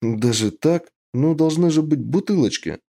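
A man's voice: a little high, lively intonation, measured pace, vocal fry, mellow, pitched above the performer's own voice, full character voice. A man voicing a curious young woman. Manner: curious, eager questions.

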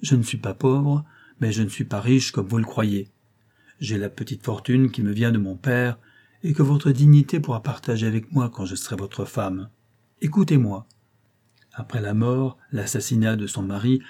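A noble young princess in hiding speaks with solemn, declamatory devotion, read by a man in an audiobook. The voice is mellow and darkly toned, with a slightly husky grain. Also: medium pitch, lightly acted. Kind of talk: audiobook reading.

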